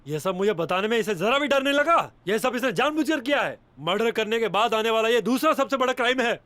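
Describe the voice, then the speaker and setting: A man's voice: extremely high pitch, lively intonation, brisk, fairly bright tone, dry recording. An actor dubbing an exasperated male teacher who scolds a troublesome student. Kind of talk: Hindi dub of a TV drama.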